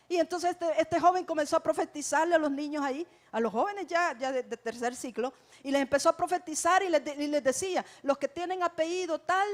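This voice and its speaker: Salvadoran woman preaching, pretty high voice, emphatic, keeps saying brother to the congregation. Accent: Salvadoran Spanish. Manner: emphatic, keeps calling listeners "hermano". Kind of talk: sermon.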